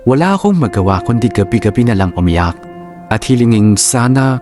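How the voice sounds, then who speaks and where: A man narrating a drama in the first person as an older sister, steady and reflective. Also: medium pitch, a little fast, faint music behind, close to an everyday voice. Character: older sister recalling her troubles.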